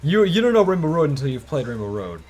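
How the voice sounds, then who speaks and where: A young man chatting over a racing game stream, rambling and filling his sentences with "like." His pitch jumps around in a lively, animated way. Faint game music plays behind him. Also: fast talker. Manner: rambling, heavy use of "like". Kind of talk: casual gaming banter.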